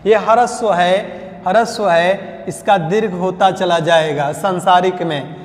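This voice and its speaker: High-voiced Hindi-accented teacher in an echoey hall. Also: male voice, steady tone. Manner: drills words by slow repetition and quizzing. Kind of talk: spelling lesson at a whiteboard. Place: coaching classroom.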